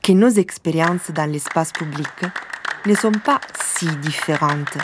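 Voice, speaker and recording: A woman from southern Italy giving calm, measured scripted documentary narration. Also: low voice, background noise.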